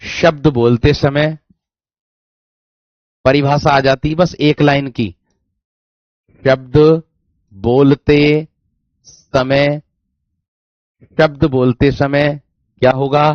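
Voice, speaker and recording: Teacher repeating slowly, lo-fi. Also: male voice, medium pitch, fairly even intonation, no echo. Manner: repetitive, dictates slowly, keeps asking if it's clear. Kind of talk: online exam-prep class. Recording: dry, dull lo-fi sound.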